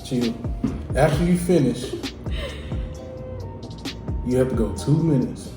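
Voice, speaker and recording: A man's voice: mid-range voice, slow pace. A young man hosting a food challenge vlog, joking and laughing often as he teases his guest. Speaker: vlog host. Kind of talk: casual mukbang chat. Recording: echoey room, distant mic, music behind.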